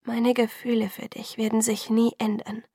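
A woman's voice: fairly high pitch, flat delivery, moderate pace, breathy edge, no room sound, studio quality. A woman voicing an anxious, doubting young woman. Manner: soft, hushed, faltering.

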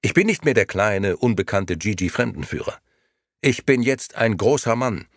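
Stubborn scared young man pushing back loud and hoarse, man doing the voice, gravelly. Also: lowish voice, very animated, moderate pace, no room sound, clean studio sound. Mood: defiant. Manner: tense, raised, insistent. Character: defiant young man, anxious but stubborn. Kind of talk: audiobook reading.

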